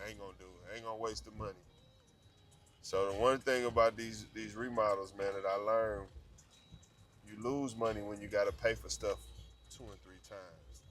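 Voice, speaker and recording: A licensed electrical contractor in his fifties talks to camera in a casual vlog, his deep voice carrying a fairly bright tone. He speaks earnestly, repeats his points, and keeps calling his viewers "man".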